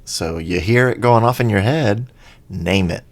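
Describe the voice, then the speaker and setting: A man's voice: lowish voice, a little slow. A man co-hosting a podcast in casual chat, easygoing, agreeing often and restarting his sentences. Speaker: podcast co-host.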